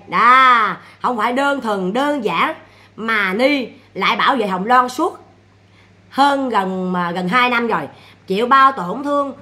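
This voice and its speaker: A woman chatting casually to her viewers, animated and scolding, with repeated exclamations. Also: fairly high pitch. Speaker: vlogger. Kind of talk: casual livestream chat.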